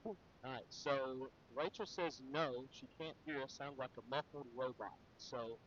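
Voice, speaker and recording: A man's voice: medium pitch, measured pace, fairly bright tone, slight background noise. Man with a muffled, dull-sounding voice. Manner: chatty, with frequent fillers and restarts. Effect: muffled, dull sound, as if through a wall. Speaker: sports broadcast host. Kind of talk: live pregame chat and sponsor reads.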